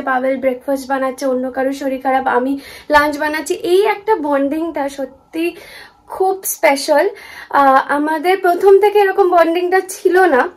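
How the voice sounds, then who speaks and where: A young woman from Kolkata chats in a casual vlog, fast and talkative and mixing in English words. Her voice sits high. She speaks from a shared kitchen. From Kolkata, India. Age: young adult. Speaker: vlogger, student in the UK.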